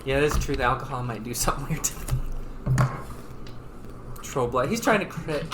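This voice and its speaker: Chatty, laughing game master. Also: male voice, mid-range voice, lively intonation, music in the background. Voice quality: chatty and laughing, jumps between rules talk and quick voiced asides. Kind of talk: running a tabletop game. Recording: noisy home recording.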